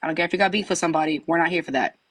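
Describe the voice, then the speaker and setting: A speaker moderating a live chat, giving quick, stern warnings. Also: mid-range voice, a bit bright, a little hiss or hum.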